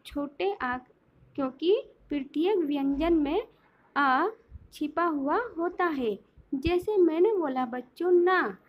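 A woman's voice: high voice, lo-fi sound. A woman teaching a primary school class online, explaining patiently and often addressing the children directly.

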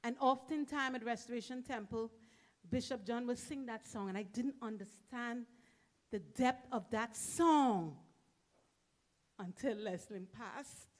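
A woman's voice: a little high, a little slow. Heartfelt woman giving a eulogy. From Trinidad. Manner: heartfelt, speaks in short, emphatic phrases. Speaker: church member giving a tribute. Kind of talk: memorial eulogy.

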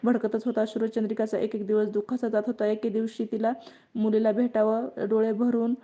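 A woman reading a religious folk tale aloud in a steady, measured way. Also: a little high. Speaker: devotional storyteller.

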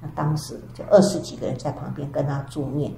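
An older woman, a Buddhist nun, giving a storytelling dharma lecture with drawn-out sentence particles. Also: sits low, level tone, gravelly, dark tone. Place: temple lecture hall. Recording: echoey hall with faint background hiss.

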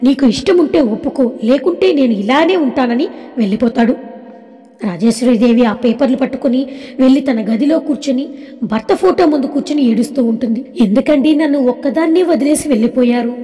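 Woman storyteller, audiobook narration, high pitched, long echoey reverb. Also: a little fast, warm tone.

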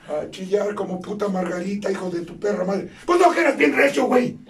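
A Mexican man with a Mexican Spanish accent giving crude, profanity-laden testimony at a support meeting, bursting into shouts. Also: very high-pitched. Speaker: recovery group speaker. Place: meeting hall. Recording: distant mic in a noisy crowded room.

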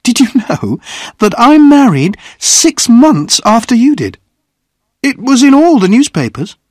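A woman's voice: fairly high pitch, very animated, a little slow, darkish tone, no echo, studio quality, voice pushed up. A man reading a story, voicing a charming, teasing woman of about thirty in a playful, lilting way. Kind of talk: audiobook character voice.

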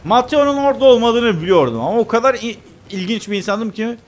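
A man giving casual, joking commentary while playing a shooter game, now and then breaking into excited shouts. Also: very high-pitched, fast. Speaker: gameplay commentator. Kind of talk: casual let's-play commentary. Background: game gunfire and faint music.

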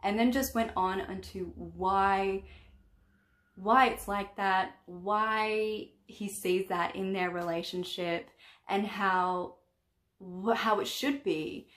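A woman's voice: mid-range voice, steady tone, slow, a bit bright. A woman chatting about a book she read, rambling and often correcting herself. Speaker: book vlogger. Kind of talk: casual book review. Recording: echoey room.

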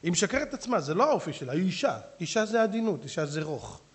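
Animated high-voiced male rabbi preaching. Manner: animated preaching, acting out characters; addresses audience directly. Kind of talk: sermon.

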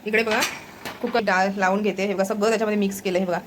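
A woman's voice: mid-range voice, fairly even intonation, rapid-fire. Woman chatting through her kitchen vlog, faint household noise behind. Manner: chatty, keeps saying look here, coos at her pet. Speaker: family vlogger. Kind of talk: casual home vlog narration. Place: home kitchen.

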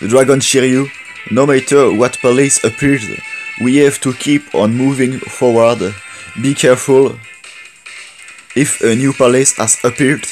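A man with a French accent voicing a calm young male warrior, reading slowly and carefully. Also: medium pitch, natural voice. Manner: slow, careful reading of game dialogue.

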